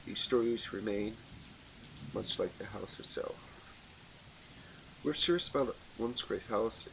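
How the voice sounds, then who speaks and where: A man with a lowish voice hosts a let's play, reading story text aloud and commenting informally, stumbling now and then while reading. The background is noisy, with game music and rain.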